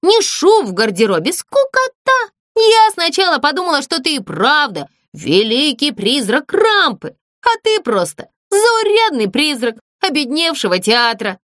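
A woman voicing a boastful, bossy girl doll in a squealing, teasing high voice. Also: big pitch swings, normal speed, hardly any pauses, fairly bright tone, dry recording, clean studio sound.

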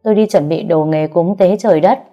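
A woman's voice: fairly low pitch, a little fast, dark tone, soft background music, close to an everyday voice. A woman voicing a self-assured old male exorcist who brushes off worry in an offhand way. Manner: offhand, confident, dismissive of worry. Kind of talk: audiobook character reading.

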